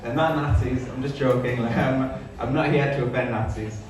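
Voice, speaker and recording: A young man performs a stand-up comedy set. His delivery is hesitant and self-deprecating, wandering between bits. The live recording is distant and heavily reverberant, with clear audience sound around him. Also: mid-range voice, fairly even intonation, moderate pace, crowd noise. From Newcastle, northern England. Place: small sparsely filled comedy venue. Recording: echoey live room, distant mic, audience noise.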